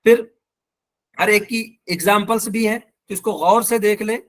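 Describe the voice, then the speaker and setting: A man teaching an online language lesson with a Pakistani accent, patient and repeating each example slowly. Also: high voice, fairly even intonation. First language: Urdu.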